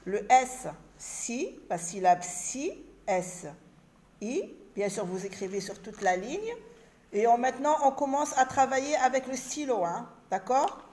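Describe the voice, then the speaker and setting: A woman teacher giving a reading lesson to children, spelling out syllables slowly and clearly and repeating each word. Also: a little high, animated, darkish tone.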